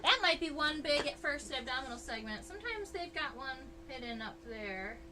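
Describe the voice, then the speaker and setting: Speaking in a high-pitched, animated voice, this woman entomologist chats unhurriedly on a casual livestream. She reads viewer questions aloud and responds while walking through insect anatomy under the microscope.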